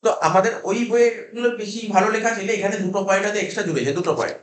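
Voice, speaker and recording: A man with a Kolkata Bengali accent teaches a class, his voice pitched high for a man. He keeps repeating key terms and firing questions back at the students. The room around him is echoey. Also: racing. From India. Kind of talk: classroom lecture.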